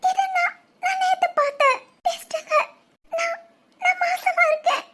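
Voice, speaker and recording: A woman's voice: very high voice, steady tone, a little slow, heavy background noise. A woman voicing a tearful young pregnant bride in a dubbed cartoon drama, stammering through sobbing apologies.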